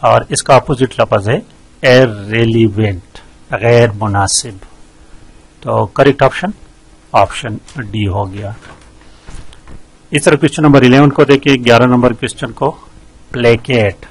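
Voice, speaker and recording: A man, slowly and methodically explaining vocabulary quiz answers with frequent hesitations. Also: medium pitch, breathy edge, poor audio. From Pakistan. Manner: slow, methodical, many hesitations. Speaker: teacher.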